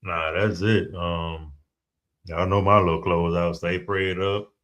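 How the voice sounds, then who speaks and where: A man with a lowish voice co-hosts a casual podcast. He sounds skeptical and wry, and he muses aloud in slow, drawn-out stretches. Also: little pitch movement, a bit bright. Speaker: podcast co-host. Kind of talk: casual chat.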